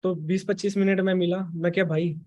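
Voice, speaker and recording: A young man with a noticeably high voice speaks to a live audience at a business training session. He tells his story in a loose, colloquial way, full of back-and-forth retelling. He keeps checking in with his listeners through quick tag questions. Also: flat delivery, mellow, dull audio.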